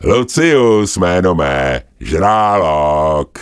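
Lucius is a cocky prehistoric shark with a low voice that swoops as he sneers and shows off, as a male storyteller puts him on. It is a storybook audio tale, recorded dry and close. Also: big pitch swings, clear, resonant tone, no room sound.

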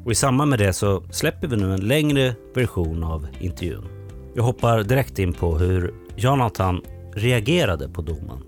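A male podcast host with a fairly low voice narrates and asks questions in a calm, measured way. Faint guitar music plays underneath. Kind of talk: scripted narration and interview questions.

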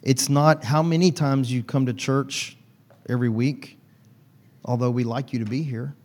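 A man's voice: medium pitch, steady tone, moderate pace, darkish tone. A man preaching a conversational sermon in church, chatting with and teasing his congregation. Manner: folksy, teasing the congregation by name. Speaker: pastor.

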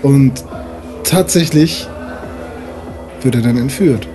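Over music, a young man with a mid-range voice speaks slowly as he improvises a story while playing a tabletop role-playing game. His chatter is casual, informal and full of slang.

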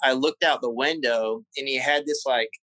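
A man with a Southern US accent, a guest in a personal interview, talking haltingly with many fillers and repeated words. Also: mid-range voice, fairly even intonation, sharp tone, no echo, low-quality recording. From South Carolina.

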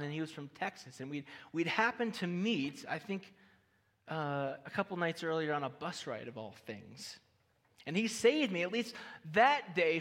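A man's voice: on the high side, a bit bright. A man preaching a sermon, telling a personal story with light humor and talking directly to the audience. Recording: reverberant hall.

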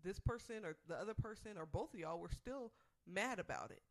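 A woman's voice: medium pitch, expressive, a little fast. A woman co-hosting a talk show, giving casual relationship advice in an earnest, emphatic way and restating her points.

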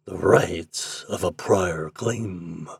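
A man voicing a sooty, menacing male forest devil in a hoarse, growling voice that speaks slowly and deliberately. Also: low-pitched, no echo, studio quality, exaggerated voice. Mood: gruff menace. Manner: slow, deliberate, brooding.

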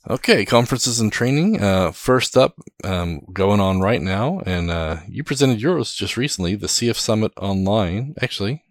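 A man hosting a tech podcast, leading segments in a relaxed, upbeat casual chat. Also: lowish voice, moderate pace, hardly any pauses, no room sound, clean studio sound. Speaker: podcast host.

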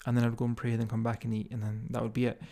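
Scottish man with creaky voice, casual podcast. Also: mid-range voice, monotone, racing, dark tone. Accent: strong Scottish. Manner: informal, directly addressing listeners. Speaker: fitness coach hosting a podcast. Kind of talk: casual motivational podcast talk.

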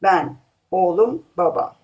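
A woman's voice: lowish voice, slow, muffled recording. A woman reading a play, voicing plain village men who list the people in their homes matter-of-factly. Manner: flat, matter-of-fact listing.

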